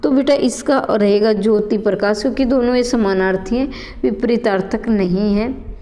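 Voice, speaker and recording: A woman's voice: medium pitch, normal speed, mellow, long reverb tail. A woman coaching teacher going through exam questions, calling her students children and repeating each question and answer aloud. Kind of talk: exam answer walkthrough lesson.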